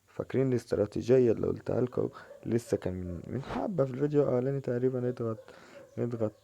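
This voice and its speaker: Man, Egyptian Arabic accent, young adult, casual gameplay talk, dark warm tone. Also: mid-range voice, racing, vocal fry, dull audio. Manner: excitable, shouts at the players in bursts. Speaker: gaming channel host.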